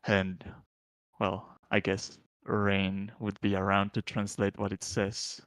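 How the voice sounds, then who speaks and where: A man's voice: lowish voice, completely flat delivery, takes it slowly, a bit bright, no echo. A man acting as game master, narrating a tabletop game casually and answering players.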